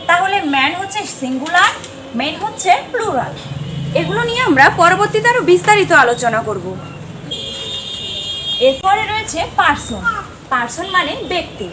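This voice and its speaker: A woman's voice: sits high, noisy background. A woman teaching an online grammar lesson, methodically defining each term and then giving examples. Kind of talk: structured lesson explanation.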